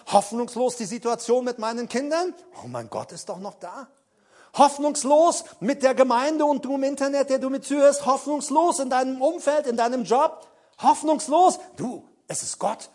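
High-voiced, animated man preaching. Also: husky. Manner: dramatic, acts out Bible scenes, addresses listeners directly; emphatic, hesitant with fillers when recalling details. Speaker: pastor. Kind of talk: sermon.

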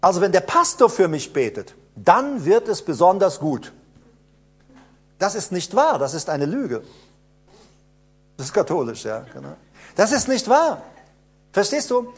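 A man delivers a sermon in a high, very animated voice that climbs and drops through wide swings. He asks his listeners rhetorical questions and repeats key phrases for emphasis. His delivery moves between hushed, close lines and sudden loud bursts. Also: unhurried, long pauses, husky. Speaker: preacher.

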